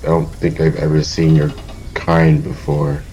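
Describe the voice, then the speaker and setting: A man's voice: a bass voice, completely flat delivery, a little slow, warm tone, a little hiss or hum. A man playing a tabletop game, talking in a hesitant, stammering way. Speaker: player.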